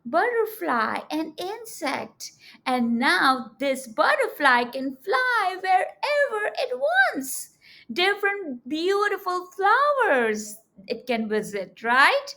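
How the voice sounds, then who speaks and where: With a high voice and a relaxed pace, a woman who educates and tells stories to children delivers a read-aloud. Her style is teacherly and animated, and she often engages the children by asking questions.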